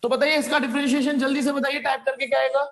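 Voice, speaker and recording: Guy teaching physics online, kinda high voice, fond of his students, goes tik tik and dan tan. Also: flat delivery, quick pace, creaky, fairly bright tone, rough recording. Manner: calls students "beta", quizzes them, adds playful sound effects. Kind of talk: live online class.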